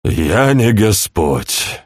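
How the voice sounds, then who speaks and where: A man voicing a shrewd, fatherly older chancellor in an audiobook, speaking in a calm, measured, persuasive way. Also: low voice, no echo, clean studio sound. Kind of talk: audiobook character reading.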